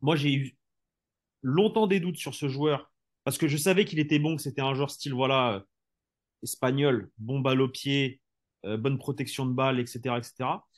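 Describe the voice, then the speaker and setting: A man's voice: mid-range voice, normal speed. Argumentative man talking football. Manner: argumentative, rhetorical, fills speech with "tu vois". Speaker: sports journalist and co-host. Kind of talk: casual football debate.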